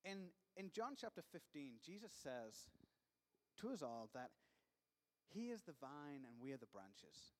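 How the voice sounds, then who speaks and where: Male preacher, relaxed conversational sermon delivery, reverberant hall sound. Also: fairly high pitch, a little slow. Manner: conversational, reads with voiced dialogue and asides. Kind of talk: sermon reading scripture aloud. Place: church hall. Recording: long reverb of a church hall.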